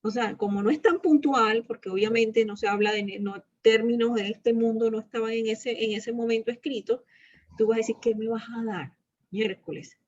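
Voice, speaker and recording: A woman's voice: fairly high pitch, fairly even intonation, normal speed, dull audio. A woman leading an interactive Bible lesson on prayer, coaching her students emphatically and repeating key phrases. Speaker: prayer teacher.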